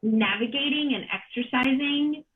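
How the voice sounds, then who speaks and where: Speaking from her home kitchen over a video call, a high-voiced Colombian woman in her thirties offers unscripted, reflective thoughts as a panel moderator and arts organization director. She pauses often and repeats words as she thinks. Her computer mic yields dull, band-limited sound.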